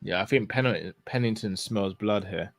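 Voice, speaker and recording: A man with a fairly low voice calmly analyses a live fight, pointing out what each fighter should do. The recording sounds dry and close, with no room echo. His delivery is steady and matter-of-fact. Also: a little slow, creaky. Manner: analytical, gives tactical advice to fighters. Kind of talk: casual live fight commentary.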